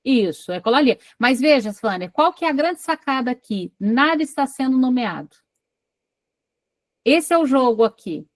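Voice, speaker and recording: A woman's voice: high voice, big pitch swings, normal speed, dry recording. A Brazilian woman coordinating an online psychoanalysis study group, reading a case aloud and then stopping to quiz her class. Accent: Brazilian Portuguese. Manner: reads a passage, then breaks off to quiz the class.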